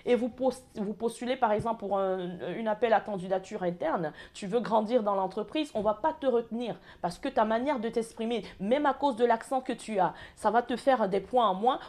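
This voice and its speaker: A woman's voice: on the high side, moderate pace, few pauses, darkish tone. A woman with an accent, a former recruiter, giving earnest advice to call center workers straight to camera, with frequent fillers and restarts. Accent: speaks with an accent of her own. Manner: earnest, lecturing, speaks to the viewer as "tu". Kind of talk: direct-to-camera advice vlog.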